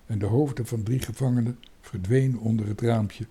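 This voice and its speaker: A man reading a children's book aloud in a lively, expressive way. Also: medium pitch, fairly quick, husky. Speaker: storyteller.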